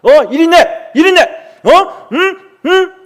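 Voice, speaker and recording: A man voicing an angry rural father who shouts and scolds his son, bellowing in a high, loud voice. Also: takes it slowly. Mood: furious. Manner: bellowing, furious.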